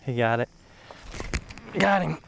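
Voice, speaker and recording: Relaxed man fishing at a pond. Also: fairly high pitch, slow, creaky, a little hiss or hum. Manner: relaxed, offhand remarks and tips. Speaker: angler, channel host. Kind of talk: casual fishing vlog chat. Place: outdoors at a rural pond. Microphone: action camera, often far from the mic.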